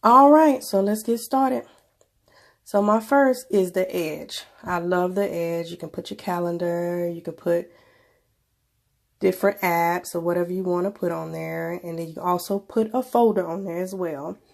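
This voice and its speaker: A woman's voice: fairly low pitch, steady tone, normal speed, vocal fry. A woman with a stuffy nose from a cold, presenting a casual tech review in an informal, conversational way. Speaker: video presenter.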